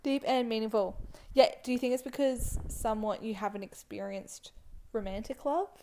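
A woman's voice: on the high side, moderate pace, warm tone, slight background noise. A young woman co-hosting a podcast in casual chat, reflective and asking probing questions. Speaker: podcast co-host.

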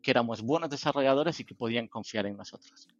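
A software company founder, a man with a Spanish accent from Spain, tells his story as a guest in a casual interview. His medium-pitched voice moves fast, rambling and talkative with plenty of fillers. The audio sounds dull.

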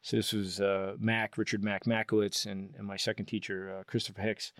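A man with a lowish voice speaks as a guest in a relaxed interview. He rambles enthusiastically through his stories and often starts his sentences over. His voice sounds dry and close. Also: fairly quick, no echo. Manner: enthusiastic, rambling explanations with frequent restarts. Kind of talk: casual interview storytelling.

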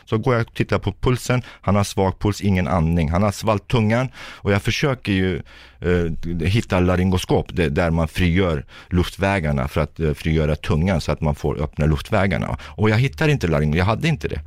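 A man's voice: low voice, expressive, no echo, clean studio sound. A man, a physiotherapist, vividly recounting a tense experience as a guest, acting out what people said. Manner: vivid, intense retelling, acts out dialogue. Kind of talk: personal storytelling in a podcast.

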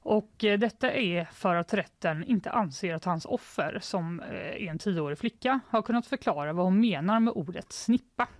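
A woman's voice: on the low side, hardly any pauses, no echo. A woman hosting a casual news podcast, relaying stories with wry, dry quips.

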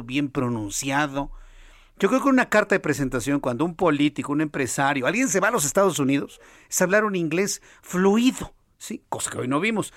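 A man hosting a radio talk show, chatty, steering his guests with leading questions and a steady "ujú" of agreement. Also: mid-range voice, dry recording, clean studio sound. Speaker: radio host. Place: radio studio. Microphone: studio microphone.

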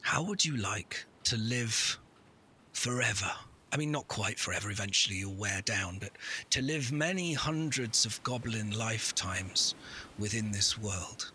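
A man playing a brisk, impatient hooded wizard stranger with a matter-of-fact, businesslike patter in a tabletop game. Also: on the low side, sharp tone, a little hiss or hum, pitched below the performer's own voice. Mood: persuasive, matter-of-fact.

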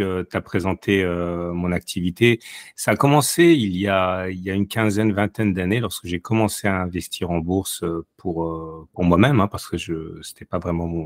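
A deep-voiced man speaks over a low-quality long-distance call. He talks as an interview guest and explains things hesitantly, often going back over his words. The sound is dry, without room echo. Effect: low-quality long-distance call audio. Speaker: podcast guest, technical analyst. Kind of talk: conversational podcast interview.

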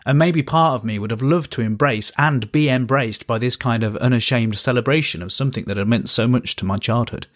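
A man's voice: mid-range voice, a little fast, hardly any pauses. A man in his thirties from Birmingham, hosting a podcast and reading his own story with dry, wry understatement. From Birmingham, England. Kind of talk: scripted first-person storytelling.

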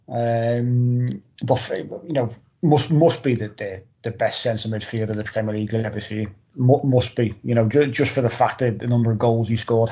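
A man's voice: mid-range voice, dark tone. A man giving casual, emphatic football opinions as a panellist, repeating words for stress. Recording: dull lo-fi audio.

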